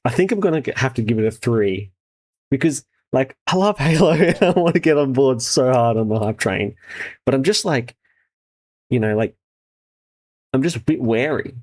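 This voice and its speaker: A man's voice: mid-range voice, expressive, moderate pace, long pauses, a little mellow. A man hosting a casual trailer reaction with sweary, laddish, slangy enthusiasm. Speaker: host, game developer reviewing trailers.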